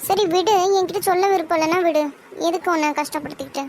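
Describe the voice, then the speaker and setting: A woman's voice: extremely high pitch, fairly even intonation, fast talker, a little mellow, slight background noise, rough recording. A woman voicing a caring older sister in a cartoon drama, who coaxes and insists in an affectionate way. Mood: insistent.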